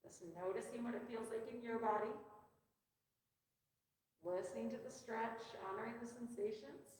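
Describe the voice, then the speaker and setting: A woman with a fairly high voice guides a stretching and breathing class. Her manner is gentle and encouraging as she gives instructions. She sounds set back from the microphone in a very reverberant room. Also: steady tone, moderate pace. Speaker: yoga and meditation instructor. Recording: very echoey room, distant mic, faint noise.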